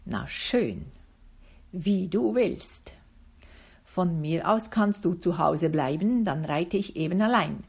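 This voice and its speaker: A woman voicing a restless, grumbling little female witch in a storybook reading, with a husky voice. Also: lowish voice, animated, takes it slowly, darkish tone, exaggerated voice. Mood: stubborn.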